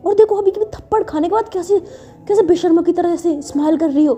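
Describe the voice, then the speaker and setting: A woman voicing an angry, proud young college woman who scolds in sharp outbursts. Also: high-pitched, quick pace, lightly acted. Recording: dull lo-fi with faint music.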